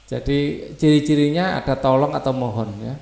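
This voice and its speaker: A man's voice: medium pitch, moderate pace, gravelly, a little mellow, echoey room. A male teacher, reading textbook passages aloud and explaining them in loose asides.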